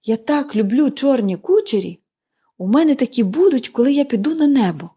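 A woman's voice: high voice, lively intonation, brisk, mellow, husky, pitched above the performer's own voice. A woman voicing a cheerful, chatty young girl in an audiobook reading, gushing and eager.

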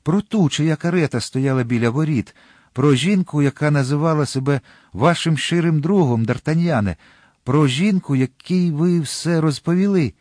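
A frail young woman, loving and frightened, her voice lifted high and pleading, as a male narrator puts her on. The sound is dry and close, with no room around it. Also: normal speed, darkish tone, no echo, natural voice. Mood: anxious.

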